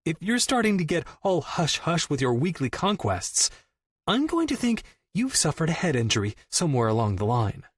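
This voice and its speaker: A sharp-tongued grown sister, as a male narrator puts her on, blunt and mocking. The voice sits noticeably higher than his normal reading. Read dry and close in an audiobook. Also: very animated, normal speed, breathy edge, no room sound, heavily acted. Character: teasing blunt adult sister, woman.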